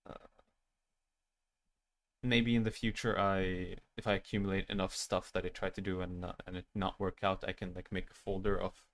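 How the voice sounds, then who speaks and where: A man with a youthful-sounding voice who streams games with an animated avatar, rambling in a self-deprecating way as he chats with his viewers at the end of a stream. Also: low voice, moderate pace. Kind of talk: casual end-of-stream chat.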